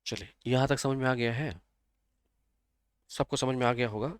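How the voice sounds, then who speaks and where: A man's voice: medium pitch, fairly even intonation, normal speed, smooth, no room sound, clean studio sound. A male computer teacher, explaining an exam-prep lesson step by step and often checking that students follow. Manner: repetitive, checks understanding often.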